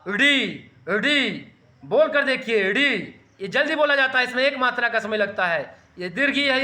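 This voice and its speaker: A man teaching a grammar lesson, slowly sounding out letters and urging students to practise saying them. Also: extremely high pitch, sharp tone. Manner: slow, deliberate, sounding out letters for students to repeat.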